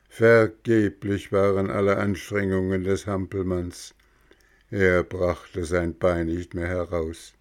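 Deep, slow German storybook narrator. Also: male voice. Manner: calm, measured. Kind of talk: storybook reading.

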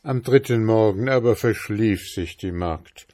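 A man reads an old folk tale aloud, slowly and very evenly, with a fairly low voice. The recording is close and completely dry, with no room sound. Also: no echo. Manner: slow, even storyteller's reading. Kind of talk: storytelling reading of a folk tale.

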